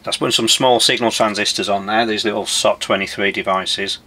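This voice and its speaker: A man in his forties presents an electronics workshop video, explaining his hands-on bench work in a relaxed, informal manner indoors. He speaks briskly with fairly even intonation, in a fairly low voice that is bright and forceful.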